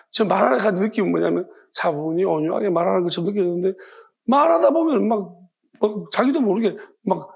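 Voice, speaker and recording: A man's voice: high-pitched, vocal fry, breathy edge. A man preaching a sermon at a Friday worship service as pastor, in a conversational and impassioned way, asking the congregation questions and often restarting his sentences.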